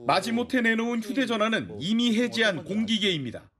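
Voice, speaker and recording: Male news reporter, noticeably high register, scripted report narration. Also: animated, a little fast, bright, forceful tone.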